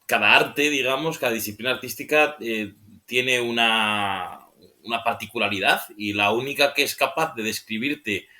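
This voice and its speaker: A man's voice: medium pitch, moderate pace, bright, forceful tone. A man on a film podcast talking off the cuff, rambling and searching for words, often ending phrases with a questioning tag. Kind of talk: casual film discussion.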